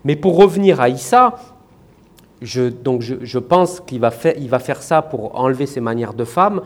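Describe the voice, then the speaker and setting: A man's voice: mid-range voice, animated, moderate pace. A man with a Marseille accent, an author talking loosely in an interview, with many fillers and restarts. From France. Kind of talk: casual interview talk.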